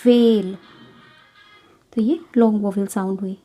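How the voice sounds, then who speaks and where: A young woman teaching English phonics in a slow, careful way, repeating each example word. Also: mid-range voice, fairly even intonation, warm tone, faint music behind. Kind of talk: phonics lesson in Hindi-English mix.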